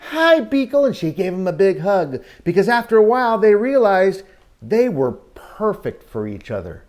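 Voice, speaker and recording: With a voice that sits high, a male teacher shares stories and Bible lessons with children, pausing dramatically and putting questions to his young listeners in an animated storytelling style.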